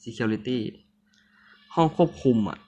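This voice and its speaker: A man's voice: medium pitch, takes it slowly, mellow, lo-fi sound, slight background noise. Jumpy sick-sounding man playing a horror game. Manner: jumpy, nervous, apologetic, talks to himself. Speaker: gamer. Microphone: phone mic.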